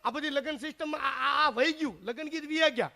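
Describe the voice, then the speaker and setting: A man's voice: very high-pitched, brisk, creaky, sharp tone. A man doing live stage comedy, chatting straight to the crowd. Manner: chatty, addresses the crowd directly. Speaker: stand-up comedian and mimic.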